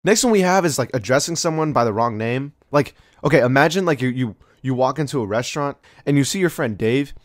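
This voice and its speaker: A young man chats through a countdown of awkward moments in loose slang, full of "like" and "bro". His voice sits at a middling pitch. The room sounds dry, with the mic close up. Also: animated, fairly quick, few pauses, no room sound. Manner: slangy, rambling, with many fillers and mock-quoted voices. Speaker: video host. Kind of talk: casual countdown commentary.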